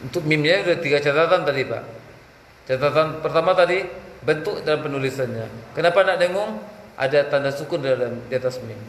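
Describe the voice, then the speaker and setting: A man with a Minangkabau-tinged Indonesian accent teaching Quran recitation rules, asking and answering his own questions and slowly chanting verse examples. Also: a little high. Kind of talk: tajwid lesson with chanted examples. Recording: echoey room with faint background noise.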